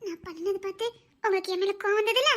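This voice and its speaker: This is a performer playing a timid, clingy young wife with a Tirunelveli Tamil accent. The voice sits extremely high and comes out soft and pleading. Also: fast talker. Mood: fearful.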